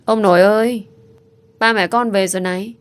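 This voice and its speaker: A woman's voice: fairly low pitch, moderate pace, a little mellow, natural voice. A woman voicing a small, affectionate boy who talks in a pleading, childlike way. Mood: eager.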